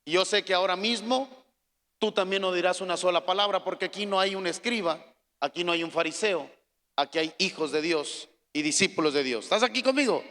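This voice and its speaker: A man preaching a sermon as pastor, swinging from soft, hushed pleading to loud, shouted calls to the congregation. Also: sits high, fairly even intonation, brisk, long reverb tail.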